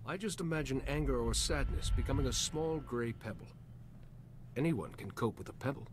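An actor playing a calm, diplomatic male Jedi hero in a video game, speaking in a measured and earnest way. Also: mid-range voice, noisy background, close to an everyday voice. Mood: gentle, composed. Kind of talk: video game dialogue acting.

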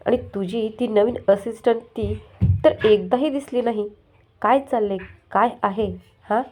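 A woman's voice: medium pitch, darkish tone. A woman reading the part of a cold, short-tempered young male company boss who snaps out orders and drops English commands into his speech.

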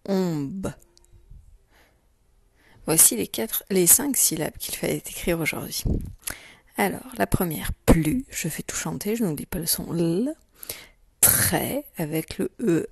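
A woman teacher giving a slow, clear spelling dictation to young children, repeating each item and stressing its sounds. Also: on the low side, darkish tone, dry recording. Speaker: primary school teacher.

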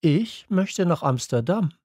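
A man's voice: a little high, expressive, slow, a little mellow, no room sound, pitched above the performer's own voice. A worried mother, voiced by a man reading. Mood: teasing. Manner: raised, lighter voice. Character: worried mother, grown woman, caring. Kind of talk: children's audiobook reading.

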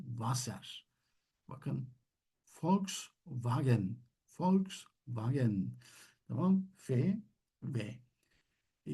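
A man's voice: medium pitch, vocal fry, warm tone, husky. A man teaching German, explaining patiently and answering his own questions. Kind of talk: classroom-style language lesson.

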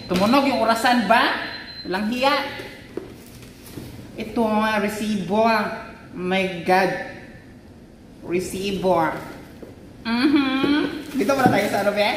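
A woman with a Filipino accent giggling and exclaiming excitedly as she unboxes a phone in a casual vlog. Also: mid-range voice, slow, pauses often, far from the mic, slight background noise. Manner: excitable, giggly, mixes Tagalog and English. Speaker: vlogger. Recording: echoey room, faint ambience.

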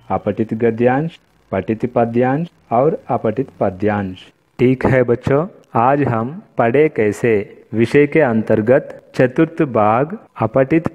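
A male teacher gives a recorded reading lesson to children, speaking slowly and patiently with a somewhat low voice. He keeps calling on the children as he explains. The recording sounds dull and lo-fi. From India. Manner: slow, patient, repeats "children" often. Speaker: Hindi teacher.

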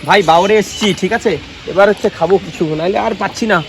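A man's voice: high-pitched, quick pace, noisy background. A young man from West Bengal, chatty and playful, vlogging on a handheld phone at a lakeside park. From West Bengal, India. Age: young adult. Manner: chatty, addresses viewers as brother, playful. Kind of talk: casual vlog narration. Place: outdoor park by a lake, street.

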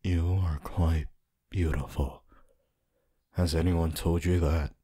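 Man voicing Hitoshi Shinsou, very deep husky flirt. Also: flat delivery, dark tone, full character voice. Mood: smug, flirtatious. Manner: slow, halting, low-key delivery with sighs and pauses. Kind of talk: roleplay ASMR voice acting.

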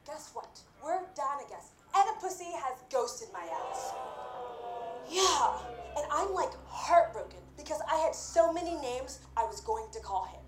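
An actress playing a comedy show host delivering a mocking, punchy monologue on TV. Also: female voice, high-pitched, lively intonation, measured pace, roomy sound. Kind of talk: stand-up monologue on TV.

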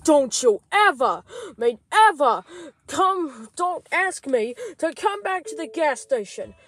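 A woman's voice: high voice, expressive, unhurried, a bit bright, heavily acted. A woman voicing Chef Fox, a grumpy, short-tempered adult chef who snaps and swears in a plush toy comedy skit. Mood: irate. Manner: gruff, irritated, swearing.

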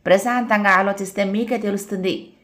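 A woman voicing a sharp-tongued, sensible housewife who scolds and lectures her husband. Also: mid-range voice, fairly even intonation, brisk, close to an everyday voice. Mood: lecturing.

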